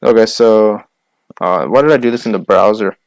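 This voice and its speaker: Young male podcast co-host, smooth clear voice, dry close sound, rattles off names. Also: on the low side, a little mellow, dry recording. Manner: listing names quickly, argumentative. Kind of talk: casual sports chat.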